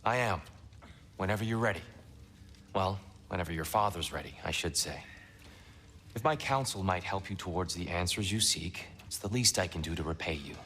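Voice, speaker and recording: Low-voiced, humble god. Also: male voice, a bit bright. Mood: gently earnest. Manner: courteous, measured, formal. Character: gentle, humble towering god, long imprisoned. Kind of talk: video game drama acting.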